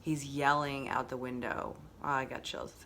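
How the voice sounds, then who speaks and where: A woman's voice: a bass voice, little pitch movement, normal speed, sharp tone, a little hiss or hum. A woman hosting a casual motivational monologue, reflective and repeating phrases for emphasis. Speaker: host.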